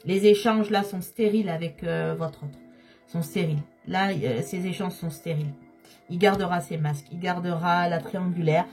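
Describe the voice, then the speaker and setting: A slightly hoarse woman giving a tarot reading, speaking straight to her viewers and repeating key phrases for emphasis. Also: on the low side, steady tone, moderate pace, a little mellow, soft background music. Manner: repetitive, emphatic, addresses viewers directly. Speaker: tarot card reader.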